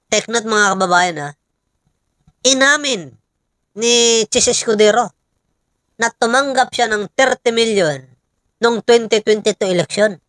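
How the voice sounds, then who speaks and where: Speaking a little high and with a slightly bright tone, a Filipino woman delivers casual political commentary. She stops frequently and fires emphatic rhetorical questions at the audience. The recording has no room sound.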